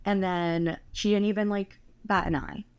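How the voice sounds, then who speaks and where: A woman's voice: medium pitch, steady tone, moderate pace, muffled recording. A young woman co-hosting a podcast, telling a travel story in a chatty way full of fillers. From United States. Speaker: podcast co-host.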